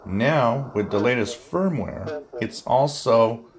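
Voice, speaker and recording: A man giving a casual hands-on gadget demonstration as a reviewer, thinking aloud in halting short phrases. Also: mid-range voice, lively intonation, a crowd in the background. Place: indoors at a wooden table.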